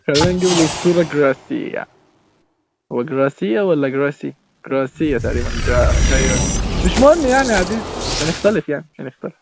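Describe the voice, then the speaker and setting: A young man with an Egyptian Arabic accent giving excitable live commentary while playing a football game, shouting at the players. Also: fairly high pitch. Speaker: gaming YouTuber. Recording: clear background noise.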